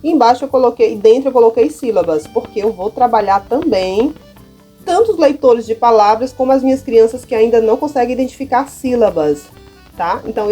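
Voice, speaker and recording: A Brazilian woman primary school teacher gives a casual, chatty demonstration of classroom material, regularly checking in with those listening. She has a Brazilian Portuguese accent and a higher, mellow voice that is slightly rough.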